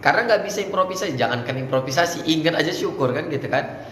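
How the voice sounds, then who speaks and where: Male speech coach, casual, chants sample lines, higher voice, echoey room. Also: expressive, fast talker. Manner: casual, demonstrates Arabic recitation in a chanting voice. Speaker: teacher coaching students in Islamic speech contest. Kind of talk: coaching lesson with demonstrations. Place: indoor room at an Islamic boarding school. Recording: echoey room, faint background noise.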